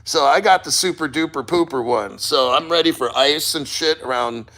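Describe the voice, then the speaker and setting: A man's voice: fairly high pitch, normal speed, a bit bright, rough recording. A man talking casually and bluntly to the camera while sitting in ice cold water, rambling and swearing as he goes. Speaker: crypto podcast host.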